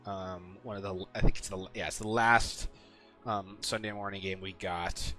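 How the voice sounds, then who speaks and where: A man's voice: low-pitched, steady tone, normal speed, bright, forceful tone, faint music behind. A man casually talking through his weekly game picks, rambling with lots of ums and some swearing. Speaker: sports picks video host. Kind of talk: casual solo commentary.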